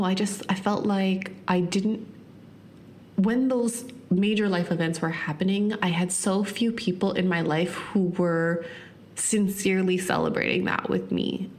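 A woman in her thirties hosts a solo podcast, speaking earnestly and reflectively in a fairly low voice. She uses "like" as a filler often and speeds up or slows down for emphasis. There is slight background noise.

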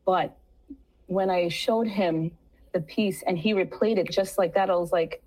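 A woman who teaches steel pan, speaking as a guest in a radio interview in an earnest, halting way with many restarts. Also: on the low side, steady tone, a little mellow, poor audio.

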